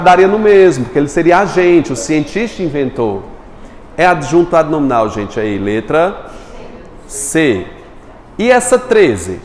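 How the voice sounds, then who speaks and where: A man teaching a live grammar class, quizzing his students and answering his own questions. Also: on the high side. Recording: echoey room with long reverb.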